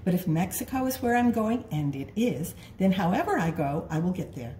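A woman's voice: lowish voice, big pitch swings, a little fast, dark tone, reverberant, a little hiss or hum. A woman voicing a tiny, determined female caterpillar bug who chants her lines in a singsong way while reading a storybook aloud.

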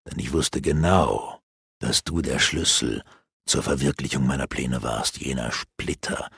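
A man voicing a sneering, sinister renegade sorcerer in an audiobook, slow and mocking. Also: rumbling low, vocal fry, a bit bright, slightly rough, pitched below the performer's own voice, full character voice. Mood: scheming. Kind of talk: audiobook character voice.

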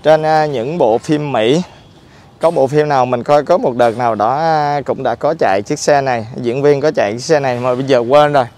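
A middle-aged man presents a casual motorcycle review outdoors, talking haltingly through a face mask. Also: mid-range voice, darkish tone. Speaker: motorcycle dealer presenting on own channel. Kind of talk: casual vlog product review. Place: outdoors in a public park by a street.

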